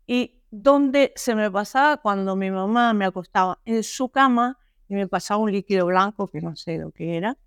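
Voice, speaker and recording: Interview guest: Argentine woman, mid-pitched, halting and earnest, smooth clear tone. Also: dry recording, studio quality. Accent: Argentine Spanish. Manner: halting, earnest, frequent restarts and pauses. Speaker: guest, author. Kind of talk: personal testimony in a podcast interview.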